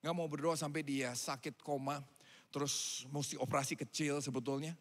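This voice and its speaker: Man pastor, lively church sermon, fairly high voice, long hall echo. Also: normal speed. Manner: animated preaching, swinging from loud calls to quiet asides. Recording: hall reverb.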